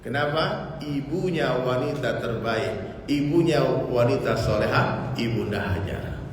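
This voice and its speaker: A man's voice: mid-range voice, expressive, measured pace, slight background noise. A man preaching a sermon to a gathering, emphatic and full of repeated rhetorical questions. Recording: echoey hall, live sermon.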